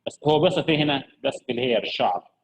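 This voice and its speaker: A man teaching children English vocabulary, lively and coaxing, repeating each word slowly for his pupils. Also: mid-range voice, slightly rough, low-quality recording.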